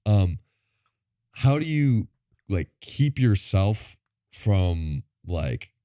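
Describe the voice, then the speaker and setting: A man co-hosting a podcast in casual chat, rambling with plenty of filler words and toying with fast and slow delivery. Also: deep voice, big pitch swings, warm tone, clear, resonant tone, dry recording, clean studio sound. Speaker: podcast co-host.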